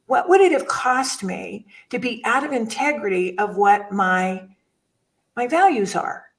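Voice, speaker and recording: A woman's voice: on the high side, expressive, unhurried, distant mic, poor audio. An older woman, a guest chaplain, chatting casually and telling rambling stories that she often breaks off and restarts. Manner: storytelling, rambling, self-interrupting. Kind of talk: casual conversation.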